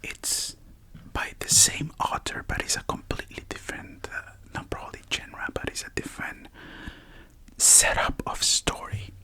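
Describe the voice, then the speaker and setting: Whispered role-play, hushed library whisper. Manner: halting, soft-spoken explaining with self-corrections. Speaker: ASMR performer playing a librarian.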